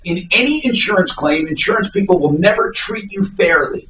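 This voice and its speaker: A man's voice: high-pitched, lively intonation, fairly quick. A man hosting a radio show, delivering an emphatic spoken sponsor endorsement. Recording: distant, echoey, noisy, dull sound.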